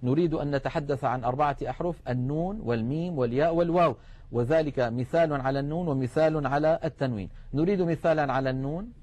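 A man with a slightly high voice teaches Quran recitation in a steady, patient way. He stops often to chant short examples very slowly, holding the nasal sounds long. The tone stays that of a lesson throughout. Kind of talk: recorded tajweed lesson.

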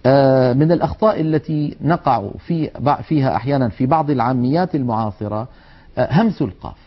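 A man's voice: mid-range voice, quick pace. A man teaching Quran recitation, demonstrating letter sounds in an earnest, admonishing manner. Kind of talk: tajweed lesson. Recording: dull lo-fi sound.

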